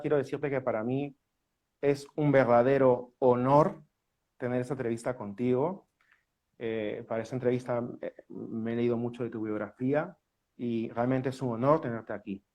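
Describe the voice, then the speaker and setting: A man's voice: medium pitch, steady tone, normal speed, darkish tone. Peruvian man, host of a live video-call interview, eager and welcoming. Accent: Peruvian Spanish. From Peru. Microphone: phone or webcam on a video call.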